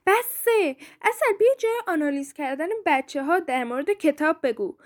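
A woman on a podcast chatting casually, brisk and a little bossy. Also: high voice, big pitch swings. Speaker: podcast co-host. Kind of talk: casual chat.

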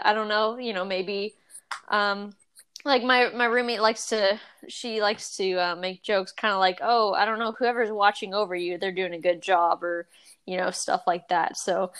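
A woman's voice: mid-range voice, fairly bright tone, clear, resonant tone. A young woman co-hosting a casual chat podcast, rambling with many restarts and filler words. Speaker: podcast co-host.

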